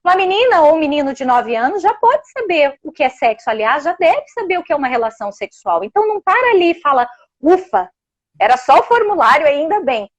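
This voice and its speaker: A woman with a Brazilian Portuguese accent, explaining sex education in a casual, animated way and often checking in with her listener. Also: high-pitched, fast, hardly any pauses, lo-fi sound. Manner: animated, explanatory, uses many tag questions. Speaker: sex education guest expert.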